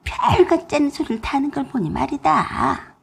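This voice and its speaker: Gravelly scolding old mother-in-law, a lady doing the voice, bossy and sneering. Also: high-pitched, animated, normal speed, slight background noise, pitched above the performer's own voice. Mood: scornful. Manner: scolding, contemptuous. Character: nagging scornful older Korean mother-in-law.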